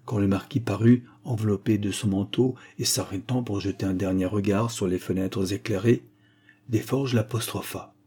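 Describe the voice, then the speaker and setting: A man narrating a classic story as an audiobook reader, measured and expressive. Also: lowish voice, breathy edge. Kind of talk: scripted narration.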